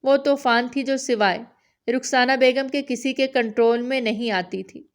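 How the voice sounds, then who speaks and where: Woman narrating a romance novel. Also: on the high side.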